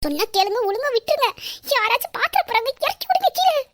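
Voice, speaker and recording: A woman's voice: extremely high pitch, animated, noisy background. A woman playing a giggly stubborn young wife. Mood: flustered. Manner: giggly, protesting, quick retorts. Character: shy, sharp-tongued young wife, playfully stubborn. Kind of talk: romantic audio drama.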